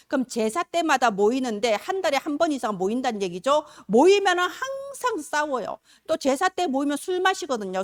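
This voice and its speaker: A woman's voice: sits high, no echo, studio quality. A woman preacher giving a Sunday sermon in a conversational, storytelling manner. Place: church service. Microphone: filmed on camera.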